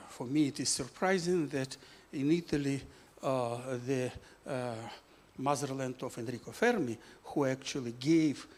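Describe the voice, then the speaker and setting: A man from Ukraine, presenting his physics book in halting full of "uh" fillers. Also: mid-range voice, a little mellow. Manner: halting non-native English with many "uh" fillers.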